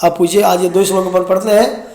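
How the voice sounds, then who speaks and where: A man with a high voice gives a recorded lecture on a Sanskrit poem. He recites a line, then breaks it down word by word and explains the grammar. The room around him has a noticeable echo. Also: level tone, a little fast, a little mellow. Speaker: Sanskrit teacher.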